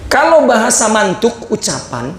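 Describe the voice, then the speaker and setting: A man's voice: sits high, wildly swooping pitch, normal speed, reverberant, slight background noise. A man with an Indonesian accent teaching a religious lesson, reading a phrase of the text and then explaining it in plain words.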